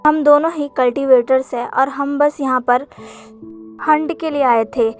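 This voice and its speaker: A woman voicing a cheeky young male disciple in a fanfic story retelling, full of teasing, quick retorts. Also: high voice, steady tone, soft background music.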